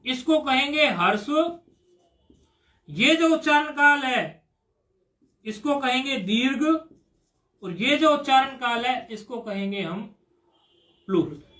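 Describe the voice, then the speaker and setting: High-voiced man teaching grammar. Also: expressive, sharp tone. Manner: drawn-out chanting of sutras, coaxing questions to students. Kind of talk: classroom lecture explaining a grammar rule. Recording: echoey room.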